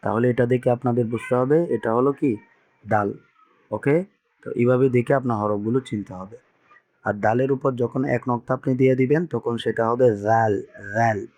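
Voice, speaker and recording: A man's voice: medium pitch, fairly even intonation, moderate pace, darkish tone. A man teaching Quran reading to beginners, patiently repeating each letter sound for learners to echo. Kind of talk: teaching Arabic letters with call-and-response drills.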